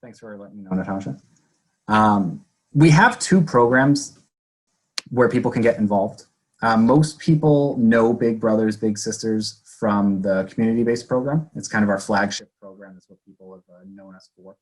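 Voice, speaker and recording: A man's voice: lowish voice, normal speed, rough recording. Man on a video call, audio cutting out. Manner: earnest, conversational, fillers like "you know". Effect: audio cutting out, uneven volume. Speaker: volunteer program presenter. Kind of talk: informational webinar talk.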